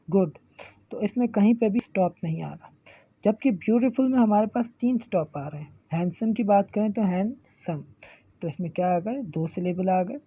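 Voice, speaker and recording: A woman teaching an English grammar lesson, patiently repeating examples and slowing down to spell them out. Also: mid-range voice, dark tone, slightly rough, no echo, highs cut off. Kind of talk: classroom grammar lecture.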